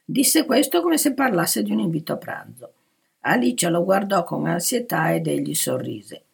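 A reader narrating a novel in a lively, expressive way. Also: mid-range voice, normal speed, gravelly, slightly rough.

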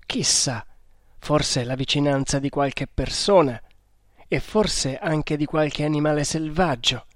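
Slow, deliberate male storybook narrator. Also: fairly high pitch, dry recording, studio quality. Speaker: audiobook narrator.

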